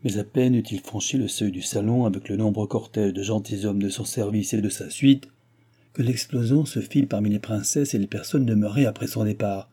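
A man narrating a classic novel as an audiobook, with a measured, expressive reading. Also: on the low side, husky. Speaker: audiobook reader. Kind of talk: scripted narration.

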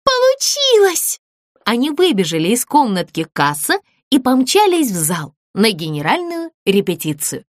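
Animated woman narrating a children's story. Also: medium pitch, normal speed, dry recording, clean studio sound.

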